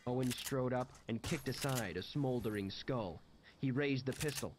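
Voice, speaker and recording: A man's voice: mid-range voice, moderate pace. Man narrating a wry first-person story. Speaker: audiobook reader. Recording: noisy background hiss.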